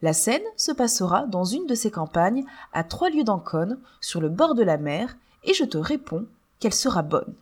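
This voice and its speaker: Storybook villainess: cruel scheming woman, cold and sly, breathy and lively, read by a woman narrator. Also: medium pitch, normal speed, hardly any pauses.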